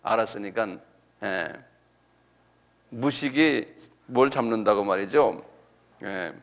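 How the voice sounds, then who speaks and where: A middle-aged male pastor delivers a sermon as a lecture, speaking slowly in a slightly raised voice. He dwells on key words, repeating them, and keeps turning to his listeners with questions. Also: fairly high pitch, animated, a bit bright.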